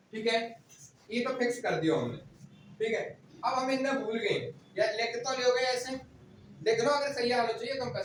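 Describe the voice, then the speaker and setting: High-voiced teacher in an echoey classroom. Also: male voice. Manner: drills students with repeated questions and answers. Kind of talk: classroom lecture. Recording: echoey room, distant mic, faint noise.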